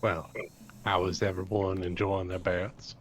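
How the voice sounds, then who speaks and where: A man voicing a calm, thoughtful woman adventurer who speaks deliberately with many pauses. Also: deep voice. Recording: slightly dull with faint noise.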